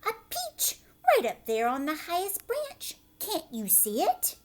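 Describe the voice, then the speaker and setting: A woman voicing an excited, bossy older aunt in a children's story, shouting in urgent exclamations. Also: very high-pitched, unhurried, voice pushed up, full character voice. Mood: excited, shrill.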